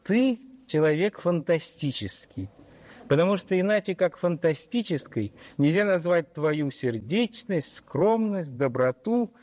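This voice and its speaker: Higher-voiced older man giving a toast. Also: big pitch swings, darkish tone. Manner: solemn, deliberate. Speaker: speaker at jubilee. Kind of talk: formal congratulatory speech.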